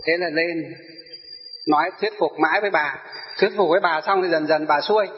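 Male storyteller, high-pitched and emphatic, echoing phrases for an audience; long reverb, dull lo-fi. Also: brisk. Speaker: spiritual master telling his life story. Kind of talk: personal testimony to an audience.

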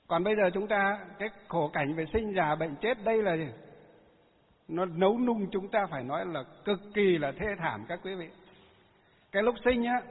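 A high-pitched male monk delivers a Buddhist sermon. He throws rhetorical questions at the listeners and then answers them himself. His husky voice rings through a long-echoing hall, heard over a thin, phone-like line. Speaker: Buddhist monk teaching lay followers.

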